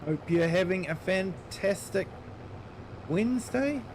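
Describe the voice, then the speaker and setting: A middle-aged man with a New Zealand accent greets viewers by name and chats casually while live-streaming a farming game. He speaks slowly in a high, expressive voice, with background noise audible.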